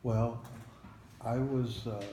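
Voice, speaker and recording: An older American man, a veteran in an interview, remembering his army days in a halting, plain-spoken way. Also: mid-range voice, fairly even intonation, dark tone. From United States. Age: 70s or older. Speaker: Vietnam-era army veteran being interviewed. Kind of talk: veteran interview, recalling memories. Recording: echoey room, faint background noise.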